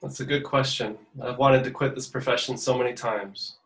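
A man's voice: medium pitch, steady tone, moderate pace, distant mic. A man born in the US and raised in Portugal, a musician answering interview questions earnestly and thinking aloud as he goes. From born in the US, raised in Portugal from fifteen. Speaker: musician guest. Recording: roomy echo.

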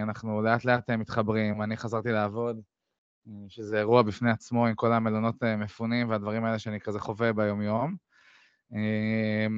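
A man in his thirties co-hosting a podcast, talking reflectively and often pausing on fillers. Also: on the low side, clean tone, dry recording. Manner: reflective, many hesitant fillers. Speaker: podcast co-host. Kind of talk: casual podcast chat. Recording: dry, slightly dull sound.

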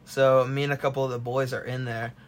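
A man's voice: medium pitch, little pitch movement, brisk, a little hiss or hum. A young man co-hosting a podcast, casually recounting a college story and swearing freely. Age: young adult. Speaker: podcast co-host. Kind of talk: casual chat.

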